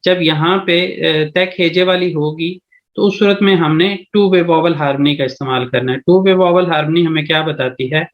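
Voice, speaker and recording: The recording is muffled, and the man's voice sits on the high side at a moderate pace. With a Pakistani Urdu accent, he gives a step-by-step language lesson over a video call, checking in regularly and repeating "theek hai ji."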